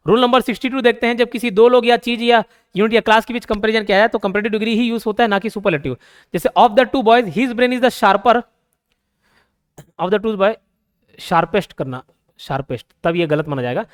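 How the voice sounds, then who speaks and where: A young man with a Hindi accent teaching grammar, explaining patiently, repeating key points and reading English example sentences slowly. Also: high voice, smooth. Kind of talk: grammar lesson.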